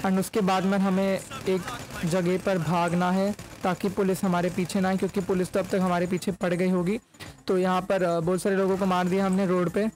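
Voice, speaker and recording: A young adult man who makes gaming videos on YouTube talks casually through his gameplay, switching between Hindi and English, with the mic close in front of his face. The recording is rough, and his high, slightly mellow voice is flat at a moderate pace.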